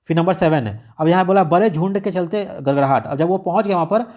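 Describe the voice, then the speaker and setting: A man tutors exam students on radio script writing. He talks quickly and sits a little high in pitch. He walks through each scene step by step, rephrasing points as he goes. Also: darkish tone. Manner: explains step by step, repeating and rephrasing. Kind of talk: explaining a radio script in a lesson.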